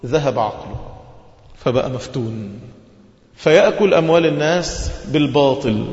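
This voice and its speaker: Man, Egyptian Arabic accent, preacher, quick sermon, rhetorical questions, roomy hall echo, muffled lo-fi audio. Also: on the high side. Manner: asks the listeners questions and answers them himself. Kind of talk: religious lesson sermon. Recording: echoey hall, dull lo-fi sound.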